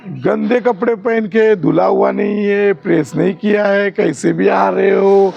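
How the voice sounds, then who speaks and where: A man's voice: sits high, vocal fry, highs cut off. A man training security guards in class, quizzing the trainees with questions and showing rude and polite ways to talk.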